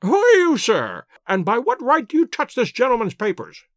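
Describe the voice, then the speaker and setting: A man reading an audiobook, voicing a querulous, stingy little old nobleman with a sharp, crackling voice and a quick, intense, scolding manner. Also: very high voice, wildly swooping pitch, dry recording, studio quality, pitched above the performer's own voice, full character voice. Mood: irate, miserly. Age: older. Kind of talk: audiobook character voice.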